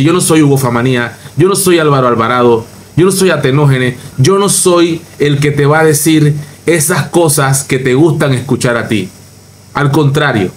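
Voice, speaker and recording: A man with a Panamanian accent, speaking a little higher than most men. He rants through a reaction video with emphatic, repetitive phrasing and a mocking edge. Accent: Panamanian Spanish. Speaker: youtuber. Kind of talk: ranting reaction commentary.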